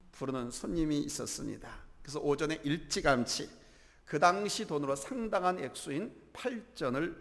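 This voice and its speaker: A man preaches from the pulpit with an animated delivery that swings widely in pitch. His voice has a gravelly edge. The sound carries a long church-hall reverb. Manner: animated storytelling, voicing characters in the tale. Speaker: pastor. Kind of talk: sermon. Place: church sanctuary.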